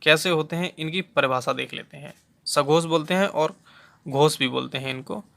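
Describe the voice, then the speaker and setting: A man's voice: a little high, normal speed, gravelly, sharp tone. A man teaching a lecture on phonetics for exam preparation, patiently repeating key terms and sounding out letters to demonstrate them. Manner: patient, repeats key terms and demonstrates sounds aloud, frequent "theek hai" check-ins.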